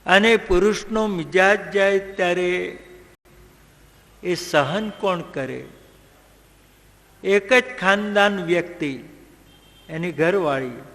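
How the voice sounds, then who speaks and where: Slow, gravelly male religious storyteller. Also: sits high, fairly bright tone. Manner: slow and measured, breaking into song. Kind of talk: devotional storytelling with sung passages. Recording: long hall reverb.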